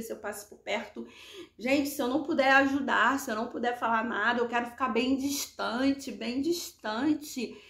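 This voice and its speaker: Brazilian woman, middle-aged, earnest faith testimony, slightly high voice, echoey room. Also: a bit bright. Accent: Brazilian Portuguese. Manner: earnest, repeats phrases for emphasis.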